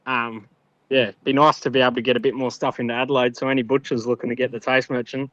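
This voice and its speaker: An Australian man chats as a podcast guest, mid-pitched and dryly recorded. He is casual and blokey, with the sweary, slangy manner of a working tradie. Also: flat delivery, fast, a bit bright, no echo, dull audio. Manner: blokey Aussie tradesman way of talking, sweary. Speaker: podcast guest, small business owner. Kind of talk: casual chat.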